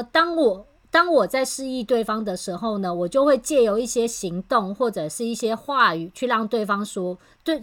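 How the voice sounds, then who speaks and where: Woman explaining communication skills. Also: fairly high pitch. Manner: animated storyteller who explains patiently. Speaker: communication trainer and podcast host. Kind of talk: casual explanatory chat.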